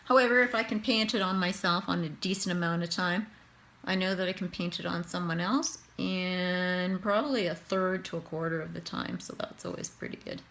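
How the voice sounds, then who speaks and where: A Canadian woman with a Canadian accent chats casually and thinks aloud while demonstrating face painting on herself, tutorial-style. Her voice sits fairly low, with fairly even intonation, normal speed and a slightly bright tone. There's a little hiss or hum in the recording.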